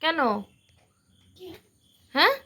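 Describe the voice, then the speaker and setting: A woman gently teasing a small girl in a home video, coaxing her with repeated questions. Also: extremely slow. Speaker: adult filming a small girl. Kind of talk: home video, talking to a toddler.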